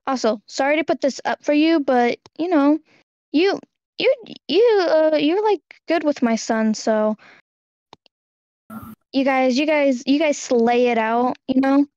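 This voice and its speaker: Overprotective, out-of-touch dad voiced by a woman for amateur roleplay: high pitch, rambling delivery, lo-fi dry sound. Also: darkish tone, no room sound. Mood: eager, doting. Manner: halting, rambling, repeating phrases. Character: doting overprotective dad, clueless about trends, eager to seem hip.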